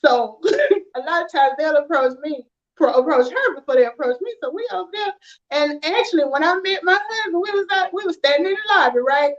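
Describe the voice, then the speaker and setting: A woman, telling stories in an animated, casual chat with frequent laughter. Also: sits high, fairly quick. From rural Alabama, USA. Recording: dull lo-fi sound.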